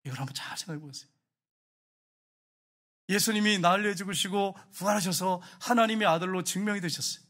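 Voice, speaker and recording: A male pastor preaching with a high voice and rapid delivery. He tells his stories animatedly and keeps turning to address the congregation directly. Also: a bit bright. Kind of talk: sermon.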